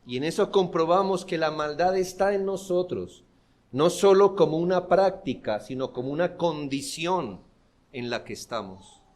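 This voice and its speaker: Guy pastor giving a sermon in church, kinda high voice, gets intense and emphatic. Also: expressive, moderate pace. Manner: earnest, building to forceful emphasis.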